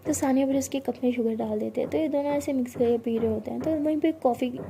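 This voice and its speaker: A woman's voice: high-pitched, fast, gravelly, warm tone, slight background noise. A woman casually narrating a romance story in a chatty retelling style. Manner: chatty retelling, self-correcting.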